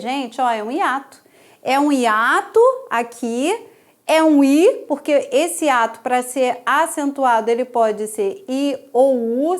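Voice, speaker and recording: A Brazilian woman with a high voice teaches a grammar lesson for exam candidates. She explains each step patiently and keeps checking in with her students through frequent tag questions. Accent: Brazilian Portuguese.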